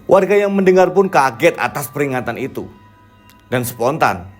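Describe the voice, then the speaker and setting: A man narrating a scripted horror folk tale in a steady, measured manner. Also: mid-range voice.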